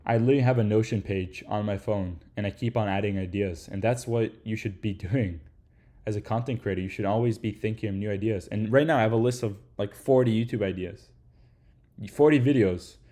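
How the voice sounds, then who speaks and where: Male creator-coach, relaxed lecture delivery, lowish warm voice, casual and a bit profane. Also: brisk. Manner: laid-back, slangy, swears casually, peppers speech with "like" and "right?". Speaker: YouTube creator giving advice.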